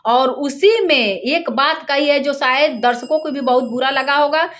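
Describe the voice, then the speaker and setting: A woman's voice: high-pitched, a little slow, a bit bright. A woman singer, giving heated, scolding gossip commentary in a vlog. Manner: scolding, indignant, mocks with quoted voices.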